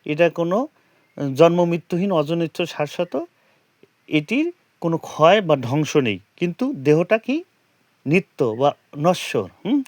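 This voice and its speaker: A man teaching how to pronounce and understand a scripture verse, chanting it slowly syllable by syllable and putting rhetorical questions to the listener. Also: a little high, very animated, darkish tone, no room sound. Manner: slow and careful, chanting verse lines syllable by syllable. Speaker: Gita teacher. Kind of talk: explaining scripture pronunciation and meaning.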